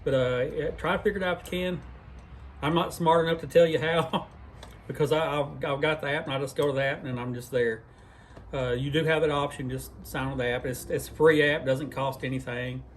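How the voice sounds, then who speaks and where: A man's voice: fairly high pitch, steady tone, a little fast, a little hiss or hum. A man hosting a casual cooking vlog in a barn workshop, talking in a folksy, rambling, self-deprecating way. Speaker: cooking channel host. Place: barn workshop where deer are cleaned.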